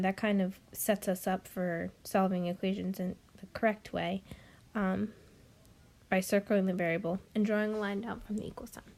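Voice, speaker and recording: In this recorded classroom lesson, a woman patiently walks through a math problem step by step, using lots of ums and sounding slightly out of breath. Her voice is medium-pitched and a little mellow, with some vocal fry.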